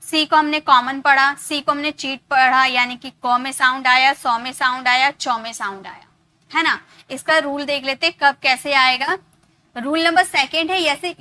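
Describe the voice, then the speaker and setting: A woman's voice: high-pitched, pushed and bright. A woman with an Indian accent teaching English reading rules, repeating words and asking questions as she drills them. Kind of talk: spoken classroom lesson.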